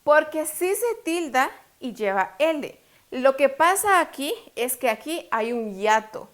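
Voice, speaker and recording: A woman teacher with a slightly high voice walks through a lesson step by step. She poses questions to the student and answers them herself, drawing out syllables to make a point. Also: big pitch swings, fairly bright tone. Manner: explains step by step, asks and answers her own questions; slows down to stress syllables. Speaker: Spanish teacher. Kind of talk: online lesson.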